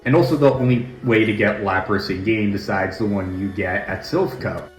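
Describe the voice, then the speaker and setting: A man's voice: fairly low pitch, moderate pace, faint music behind. A man giving casual, joking gameplay commentary as a let's play host, recorded in a large, echoey room at home. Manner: joking, chatty asides.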